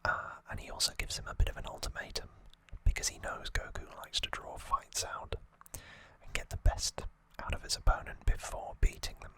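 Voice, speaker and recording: At a moderate pace, this ASMR host whispers without voicing, soft and breathy, gently and somewhat hesitantly going over things as a laid-back recap. The recording quality is rough.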